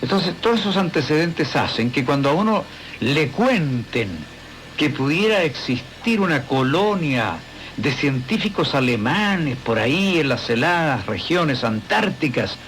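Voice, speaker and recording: A man's voice: on the high side, animated, a little slow, fairly bright tone, a little hiss or hum, rough recording. A man hosting a radio talk show, interviewing a guest in a rambling, conversational way with many asides. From Chile.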